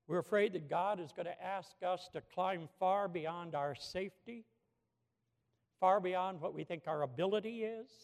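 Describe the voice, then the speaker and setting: A man preaching a sermon in a church, telling a story with animated swings from hushed to shouting. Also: a little high, vocal fry. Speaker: pastor. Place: church sanctuary with a balcony. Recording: long hall reverb from a church.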